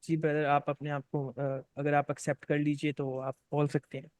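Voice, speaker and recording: A man moderates a live video session in a narrow, slightly high pitch. His voice is smooth and clear on a dry call line. He is polite and hesitant, dropping English phrases and many "uh"s. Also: level tone, normal speed, a little mellow, dry recording. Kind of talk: live online session hosting.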